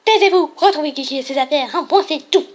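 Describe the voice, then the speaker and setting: A woman's voice: sits high, fast talker, close to an everyday voice. A woman voicing a stern, haughty school principal from a game, commanding and curt.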